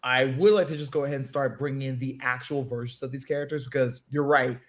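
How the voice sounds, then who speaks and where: A man in casual chat, ranting in an animated way with many restarts. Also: mid-range voice, fast talker. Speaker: podcast co-host.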